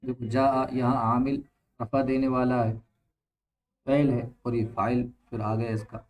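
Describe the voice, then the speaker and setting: A male teacher giving a grammar lesson in an unhurried, patient way. He reads passages of text aloud and then explains them piece by piece. He keeps stopping to ask whether his students have understood. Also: mid-range voice, level tone, muffled recording. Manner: explains slowly, repeats points, checks understanding with quick questions. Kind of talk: classroom-style grammar lesson.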